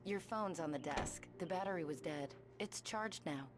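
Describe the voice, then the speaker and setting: An actress playing a businesslike small-town sheriff in a video game, composed and official. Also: female voice, lowish voice, normal speed, over music, close to an everyday voice.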